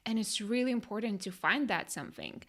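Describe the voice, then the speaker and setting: Woman, 30s, Lithuanian accent, bright forceful tone, eager casual podcast host. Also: mid-range voice, lively intonation, a little fast. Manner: enthusiastic, laughs often, filler-heavy.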